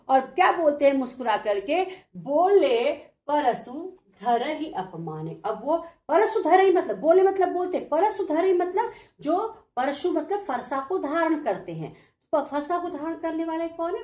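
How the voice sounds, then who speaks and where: A woman teaches a Hindi verse lesson, stopping to gloss each word. Her voice sits high and swings widely in pitch. The sound is roomy, with a clear echo. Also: a little mellow. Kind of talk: line-by-line poetry explanation.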